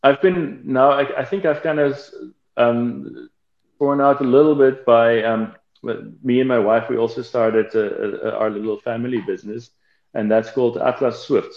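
Man on a bad connection. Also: mid-range voice. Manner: hesitant, many restarts. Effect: bad connection, remote call line. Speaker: winemaker guest. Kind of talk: casual remote interview. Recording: muffled echoey call line.

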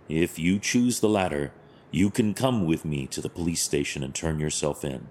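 In an audio drama, a male actor with an extremely low voice plays a masked vigilante hero who is stern but compassionate. His delivery is measured, formal and solemn.

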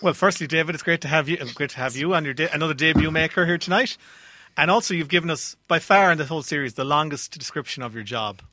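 A man's voice: fairly high pitch, quick pace, sharp tone, no echo. An Irish-accented man presenting a radio quiz show as its host. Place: radio studio.

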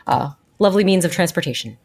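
A woman podcast co-host chatting casually while her audio glitches into a robotic sound with jumping pitch, often laughing along. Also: lively intonation, fast, creaky, darkish tone, husky. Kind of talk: casual chat.

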